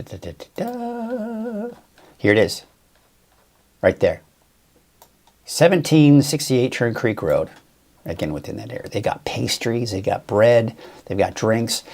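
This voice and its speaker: Male weather host, lowish and lively in pitch, loose and rambling live-stream delivery. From Northern California. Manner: chatty, rambling, thinks aloud with fillers. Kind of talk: casual live-stream forecast chat.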